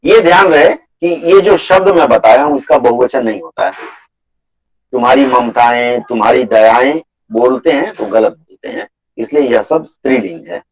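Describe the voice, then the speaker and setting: A man teaching a Hindi grammar class over a video call, patiently repeating his points and slowly listing example words for students. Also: mid-range voice, low-quality recording. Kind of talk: live online class lecture.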